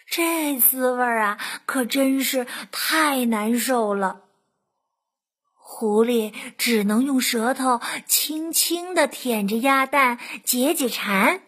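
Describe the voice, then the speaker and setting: A woman narrating a children's bedtime story in a gentle, drawn-out way. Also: high-pitched, breathy edge.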